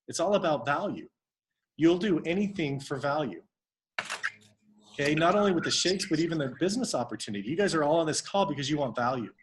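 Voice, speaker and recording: Higher-pitched man coaching on a call. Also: animated, a little fast, slight background noise. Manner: conversational, acts out sample dialogues. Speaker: network marketing team coach. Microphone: video call.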